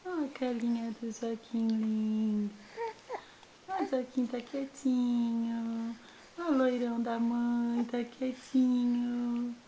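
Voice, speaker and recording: A Brazilian mother gently and repetitively coaxing her babies to talk in a home video. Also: on the high side, steady tone, slow pace, slight background noise. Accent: Brazilian Portuguese.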